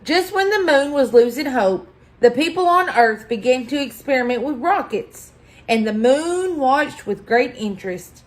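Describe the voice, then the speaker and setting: A woman reading a children's picture book aloud as a story-time host, deliberate and expressive, pausing for effect. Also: high voice. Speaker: library story-time reader.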